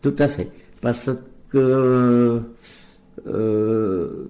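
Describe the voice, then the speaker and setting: An older Gujarati-speaking man from India, a deacon appearing as a radio interview guest, answers questions hesitantly with lots of fillers and restarts. His voice is medium in pitch, dark in tone and extremely slow.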